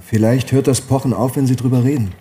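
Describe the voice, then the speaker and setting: A man playing a quick, coaxing detective. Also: medium pitch, steady tone, dark tone, slight background noise, lightly acted. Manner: patient and coaxing. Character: calm, coaxing male police detective.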